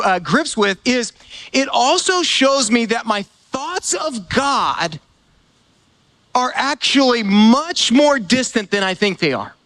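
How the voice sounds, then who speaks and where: A man giving a sermon at a church gathering, with a very high, bright and forceful voice. He talks to the congregation like a friend, stacking up fillers and stumbling repeats as he goes. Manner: conversational, full of fillers and repeated words. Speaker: pastor.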